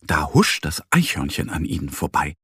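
Husky, very expressive storybook narrator, a man. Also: rumbling low, no room sound, studio quality. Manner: slow, gentle, expressive.

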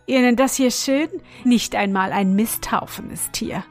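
A woman voicing a haughty, easily offended male dung beetle in a storybook tale, quick and indignant. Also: medium pitch, lightly acted. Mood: boastful. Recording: faint music behind.

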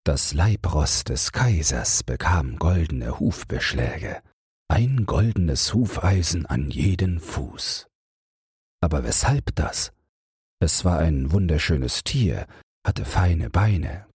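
Deep raspy guy reading a bedtime fairy tale, slow and sing-songy. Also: sing-song, darkish tone, dry recording, studio quality. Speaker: audiobook narrator. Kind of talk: calm bedtime audiobook narration.

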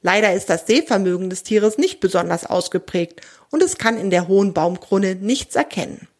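A woman hosting a children's podcast, narrating a forest story clearly and gently, with casual asides to the listener. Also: mid-range voice, lively intonation, normal speed.

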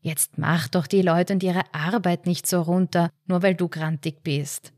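A woman's voice: on the low side, fairly even intonation, unhurried, darkish tone, no echo, natural voice. A woman doing a placid old Viennese husband. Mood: calm. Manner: placid, dry, unbothered. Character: calm, unflappable elderly husband.

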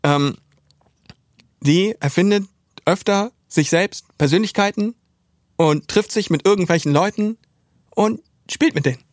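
This is a young man sharing an anecdote as a guest. His delivery is expressive, and he often raises his voice to act out what others said. The recording is dry, with no room sound. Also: sits high, a little slow, pauses often, dry recording. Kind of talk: animated personal storytelling.

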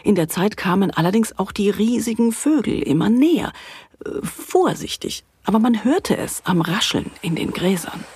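A woman narrating a children's audio story in a playful, animated way. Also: medium pitch, normal speed, husky, no echo, studio quality.

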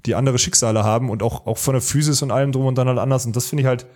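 A man's voice: mid-range voice, fairly even intonation, very fast, a little mellow. A man co-hosting a podcast who rambles, breaks off his own sentences and restarts them. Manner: rambling, self-interrupting, laughs easily. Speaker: podcast co-host. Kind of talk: casual podcast chat.

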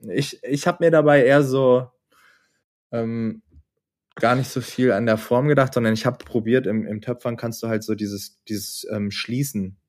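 A man's voice: mid-range voice, fairly even intonation, moderate pace. A man chatting casually as a podcast guest, telling a story animatedly and laughing often. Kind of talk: casual chat.

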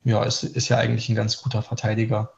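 A man speaking as a podcast guest, calm and matter-of-fact. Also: on the low side, fast, gravelly. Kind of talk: casual analysis. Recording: dull lo-fi sound.

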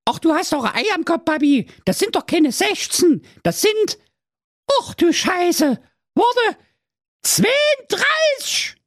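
A man's voice: extremely high pitch, sing-song, slow, fairly bright tone, no echo, clean studio sound, voice pushed up, exaggerated voice. A man voicing a bratty, squealing fifteen-year-old girl in a comic fairy-tale parody. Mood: bickering. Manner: squealing, whiny, crude.

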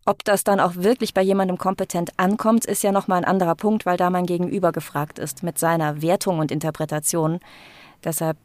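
A woman's voice: fairly low pitch, dry recording. A woman voice coach explaining her work in a podcast interview, thoughtful and explanatory, with frequent fillers.

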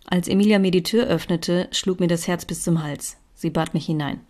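A woman's voice: on the low side, normal speed, darkish tone. A woman author reading her own first-person story aloud.

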